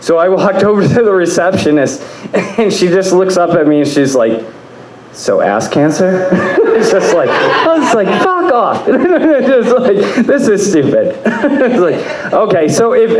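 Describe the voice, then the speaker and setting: A man's voice: on the high side, unhurried, a little mellow. A man doing a stand-up comedy set on a club stage, rambling and crude, often laughing at his own jokes. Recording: echoey club room.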